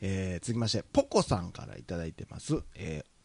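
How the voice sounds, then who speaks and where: A man's voice: low-pitched, very animated, fairly quick, vocal fry, darkish tone, dry recording, studio quality. A young man with an Osaka Kansai accent co-hosting a podcast, reading out listener reviews with jokey mock emphasis. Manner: jokey, teasing, reads aloud with mock emphasis. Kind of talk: casual podcast chat.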